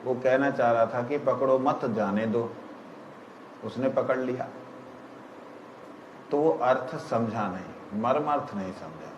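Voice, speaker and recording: Slow, deliberate man teaching scripture. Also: medium pitch, echoey room, dull audio, a little hiss or hum. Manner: slow, deliberate, often checks if listeners understood. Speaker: spiritual teacher. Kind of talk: scripture discourse.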